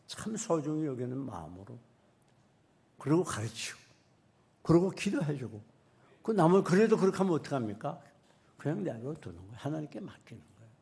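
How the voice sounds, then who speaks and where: A male pastor preaching to his congregation in a talky, questioning style. His voice sits a little high with a gravelly, creaky grain. He drives home his points with frequent questions to the listeners. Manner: conversational preaching with rhetorical questions. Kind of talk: sermon.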